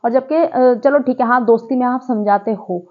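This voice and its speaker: A woman talks through a reality-show episode in a casual, opinionated way, judging each moment as she goes. Her voice sits a little high. The recording sounds dull and lo-fi. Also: normal speed. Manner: chatty, opinionated, mixes English words in. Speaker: show reviewer. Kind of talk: casual spoken review.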